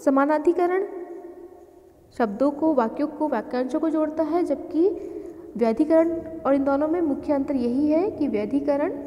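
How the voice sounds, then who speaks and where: A woman teacher explaining a grammar lesson slowly and deliberately, listing examples one by one. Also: high-pitched, in a large hall, highs cut off.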